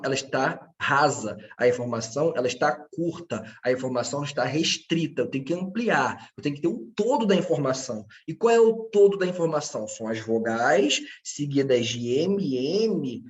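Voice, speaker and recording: A man's voice: mid-range voice, lively intonation, normal speed. A man teaching a grammar lesson, patient and checking in with his students often. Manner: speaks to his students directly.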